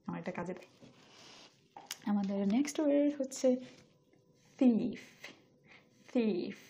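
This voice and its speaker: A woman teaching English pronunciation, saying each word slowly twice and then explaining it. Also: lowish voice, gravelly, dark tone. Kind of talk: spoken language lesson.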